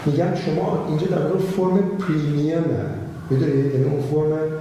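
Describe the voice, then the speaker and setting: Brief: rapid, excitable male host, mellow voice, very echoey room. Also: on the high side. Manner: rapid, excited, repeats phrases. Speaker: host touring a school. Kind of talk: fast touring commentary and interview. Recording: echoey room with faint noise.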